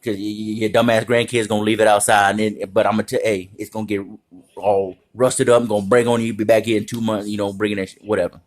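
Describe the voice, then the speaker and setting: A man's voice: fairly low pitch, little pitch movement, fast, natural voice. A man playing a know-it-all older man who lectures shoppers in a folksy drawl. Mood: grumbling. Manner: drawling, folksy, keeps saying partner and man.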